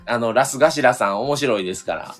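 A man with a Kansai accent, co-hosting a casual live chat in a relaxed, chuckling way. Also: medium pitch, fast, soft background music. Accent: Kansai Japanese. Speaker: co-host of a couple's podcast.

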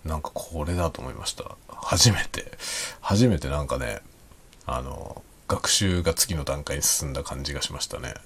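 A man talking quietly and rambling in a late-night solo chat, with soft chuckles and self-deprecating remarks. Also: rumbling low, normal speed, a little hiss or hum. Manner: speaks quietly while drinking. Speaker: podcast host.

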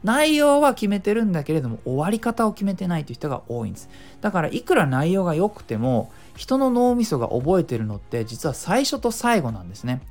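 A man's voice: high voice, big pitch swings, brisk, a little mellow, soft background music. A middle-aged man hosting a casual solo talk show, chatty and self-explaining, giving speaking tips and dropping in little sound imitations. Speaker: podcast host.

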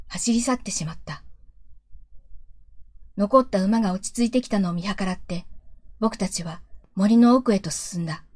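A woman reads a fantasy novel aloud in a calm, measured storytelling voice of middling pitch. She often sinks to a soft, hushed tone. The sound is close and dry, with no room around it. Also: no echo. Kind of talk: audiobook-style reading of a novel.

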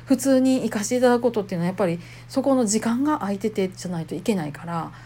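A woman's voice: medium pitch, animated, rapid-fire, warm tone, slight background noise. A woman with a Kansai accent, a temple wife who talks casually and chattily to her listeners and laughs often. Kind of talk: casual monologue.

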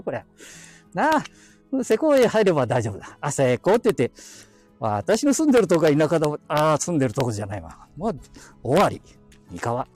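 Husky Aichi man rambling on a walk. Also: mid-range voice, darkish tone. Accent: Aichi (Nagoya-area dialect). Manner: chatty, talks to himself, chuckling asides. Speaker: live audio streamer. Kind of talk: casual rambling walk-and-talk. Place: outdoors on quiet residential streets. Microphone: phone held in hand while walking.

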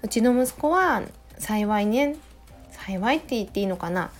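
A woman in her thirties, a mother, talking in a gentle, chatty way in a casual solo audio diary, close to the mic. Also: medium pitch, animated, a little slow. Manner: gentle, chatty, many soft "ne" tags. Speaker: podcast host, mother of a preschooler. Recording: faint music behind voice.

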